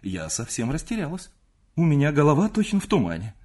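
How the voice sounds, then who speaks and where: A man's voice: a little high, huge pitch swings, fairly quick, darkish tone, slightly rough, voice pushed up, exaggerated voice. A man voicing a timid, torn young woman in an audiobook reading, raising his voice to a faltering, pleading tone. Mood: distressed.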